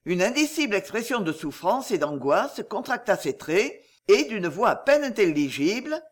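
A man narrating a classic novel as an audiobook, in a dramatic, expressive reading. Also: high-pitched, moderate pace.

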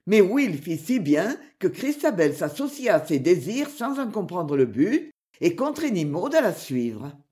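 An audiobook narrator with a lively, animated voice that rises and falls through the sentences. The reading is measured and expressive, telling an old adventure tale at a steady, careful pace. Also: medium pitch. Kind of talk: scripted narration of a classic adventure novel.

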